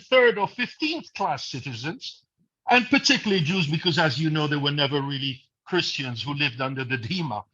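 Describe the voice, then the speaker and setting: A man's voice: fairly high pitch, bright, forceful tone, breathy edge, lo-fi sound. A man in his seventies from Morocco, speaking earnestly and bluntly during a video call. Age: 70s. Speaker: audience member asking a question. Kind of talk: impassioned monologue on a video call.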